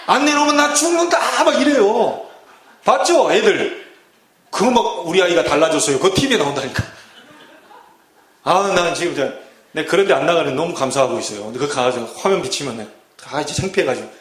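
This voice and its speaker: Animated high-voiced pastor preaching. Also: male voice, a little fast, long pauses. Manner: animated, acts out scenes in dramatic voices. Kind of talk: sermon. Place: church sanctuary. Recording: echoey church hall.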